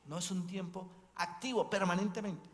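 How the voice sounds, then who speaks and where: A man's voice: high voice, fairly even intonation, moderate pace. A man from Colombia, a bishop preaching an Advent mission sermon. He tells stories as he preaches and keeps tagging his sentences with questions to the congregation. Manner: storytelling preacher, leans on tag questions. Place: church. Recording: long church reverb.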